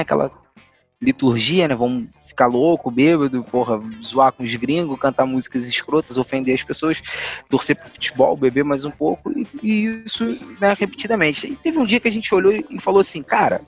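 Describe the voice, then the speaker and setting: A man's voice: a little high, vocal fry, husky, highs cut off. A man telling anecdotes as a podcast guest, rambling and slangy, with frequent tag questions.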